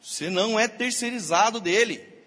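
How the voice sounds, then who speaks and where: A male pastor, preaching a lively sermon and acting out quotes of the people he talks about. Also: high-pitched, moderate pace, breathy edge. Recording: long hall reverb.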